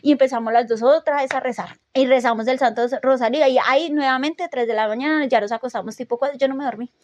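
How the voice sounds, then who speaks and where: A woman telling a frightening personal story in casual podcast talk, animated and full of restarts, acting out her own reactions. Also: high-pitched, fast talker, dry recording.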